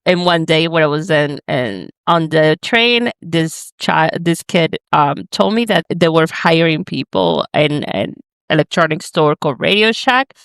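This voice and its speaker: Smooth-voiced woman from the Dominican Republic. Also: sits low, animated, measured pace, a bit bright, dry recording. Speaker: podcast guest. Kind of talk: casual interview answers. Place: home in the Bronx, calling in.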